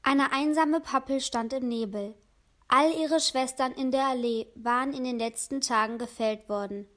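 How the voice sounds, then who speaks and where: A woman gently reading a children's story aloud in a measured storytelling manner. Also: a little high.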